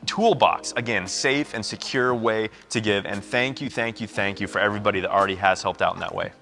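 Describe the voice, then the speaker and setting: A man's voice: fairly low pitch, a little fast, vocal fry, bright, forceful tone, faint music behind. A man giving upbeat, welcoming church announcements. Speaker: church host.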